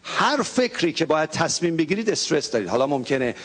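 A man preaching a lively sermon from a church pulpit, joking and coaxing the congregation into call-and-response. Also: on the high side, breathy edge. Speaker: pastor.

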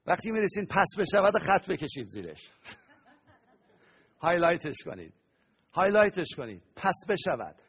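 High-voiced husky man preaching. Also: pauses often. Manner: animated preaching with call-and-response questions to the audience. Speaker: pastor. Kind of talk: sermon to a live congregation.

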